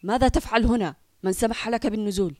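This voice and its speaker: A woman's voice: on the low side, quick pace, noisy background, voice pushed down, close to an everyday voice. A woman voicing a rude, contemptuous male lifeguard in a children's audio story, speaking curtly. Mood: scornful. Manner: contemptuous and curt.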